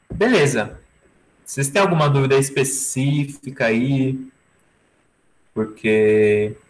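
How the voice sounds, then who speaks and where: A male English teacher who speaks slowly and deliberately, at a middling pitch. He teaches an online class over a video call and patiently repeats each word and phrase for his students. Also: fairly bright tone, rough recording. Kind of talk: online language lesson.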